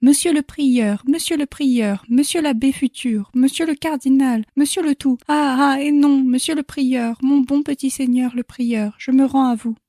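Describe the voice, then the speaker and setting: A woman's voice: on the high side, fairly even intonation, a little slow, few pauses, dark tone, no echo, clean studio sound. A woman reading an audiobook voices a terrified male archer who pleads for mercy and keeps repeating titles. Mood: frantic pleading.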